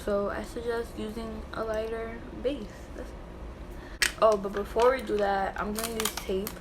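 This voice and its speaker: A woman's voice: fairly high pitch, level tone, moderate pace. A young woman with a slight lisp from a new tongue piercing, chatting casually through a makeup tutorial at home. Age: young adult. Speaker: makeup vlogger. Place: small bedroom at home, indoors. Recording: clearly noisy home room recording.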